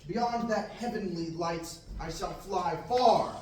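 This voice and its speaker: At a student table reading in a large classroom, a young man reads the part of a restless young farm boy in Shakespearean verse, earnest and declaiming, with occasional slips. His voice sits high with a darkish tone and he takes it slowly. A far-off camera picks him up in an echoey room with a little hiss or hum.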